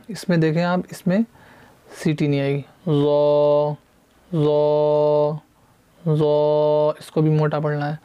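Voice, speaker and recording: A man teaching beginners to read the Quran, explaining patiently and reciting letters slowly and drawn out. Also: a little high, dark tone. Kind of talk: beginner Quran reading lesson.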